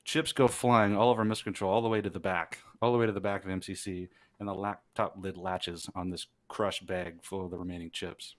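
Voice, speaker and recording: Brief: male navy veteran, very deep voice, dry close recording, chatty. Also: little pitch movement, brisk, few pauses, dry recording. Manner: laughs along, chatty, agreeing. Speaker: former submarine missile crewman. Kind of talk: casual storytelling chat.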